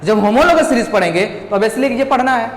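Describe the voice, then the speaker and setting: A man's voice: very high voice, lively intonation, a little fast. A man, a teacher walking students through a syllabus lesson and often checking in with them. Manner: addresses students as children, repeats checks like "okay children". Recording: echoey room.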